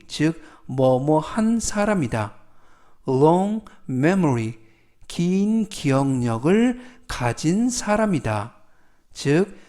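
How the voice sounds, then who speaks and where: Korean-accented male teacher, middle-aged, slightly high voice, very unhurried, polite and methodical delivery. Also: a little mellow. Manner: polite and methodical, drawing out English words slowly. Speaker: English teacher. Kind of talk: slow explanatory vocabulary lesson.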